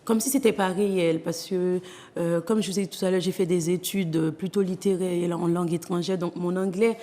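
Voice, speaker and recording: A woman's voice: on the low side, steady tone, dark tone, big-room sound. Earnest woman with a Haitian accent. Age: 30s. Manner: earnest, measured, with many hesitations. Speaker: guest author. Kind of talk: interview testimony.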